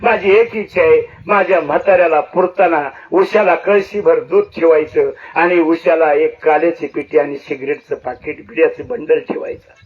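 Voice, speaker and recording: A man voicing a ninety-five-year-old widow with slow, pleading village speech. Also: a little high, pitched below the performer's own voice, natural voice. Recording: distant muffled lo-fi recording.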